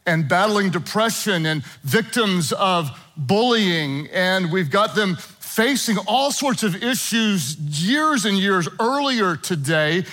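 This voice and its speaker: Middle-aged male pastor, bright and ringing, high for a man; animated, humorous sermon storyteller. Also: poor audio. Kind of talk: sermon to a live and online congregation. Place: church auditorium with congregation.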